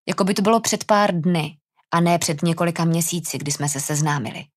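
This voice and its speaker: Woman audiobook narrator, low-pitched, tense dramatic first-person reading.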